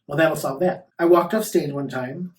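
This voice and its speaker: A man's voice: fairly high pitch, moderate pace. A man talking casually in an interview as a sassy, campy drag queen. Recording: roomy echo, distant microphone.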